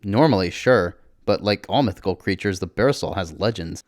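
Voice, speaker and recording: A man voicing a cheerful, clueless, playful young woman who talks in a bubbly, excitable way. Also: deep voice, brisk, no echo, studio quality, natural voice.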